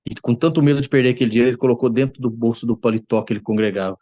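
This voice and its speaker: A man gives an earnest testimony before a church congregation. His voice sits at an ordinary middle pitch, and the sound is close and dry with no room echo. He often turns to his listeners as brothers as the story goes on. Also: racing, warm tone, dull audio. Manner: acts out quoted voices. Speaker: church member giving testimony.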